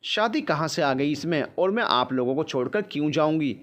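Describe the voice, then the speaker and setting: A man's voice: a little high, expressive, brisk, fairly bright tone. A man voicing a young mother who pleads anxiously with her son. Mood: pleading.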